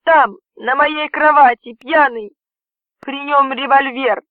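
A man's voice: extremely high pitch, steady tone, takes it slowly, dry recording, voice pushed up. A man reading an audiobook, voicing a distraught young woman who sobs and lashes out in anguished outbursts. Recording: dry, tinny phone-like audio.

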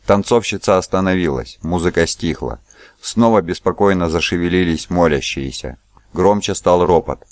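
A man reading a novel aloud as a narrator, in an even, measured way. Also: low voice, no echo, studio quality. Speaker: audiobook narrator. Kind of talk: scripted narration.

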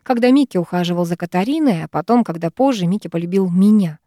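Dark-voiced woman reading a dramatic story. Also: fairly low pitch, animated, fast talker, no echo, studio quality. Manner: dramatic, emotive. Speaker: audiobook narrator. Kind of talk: first-person fiction reading.

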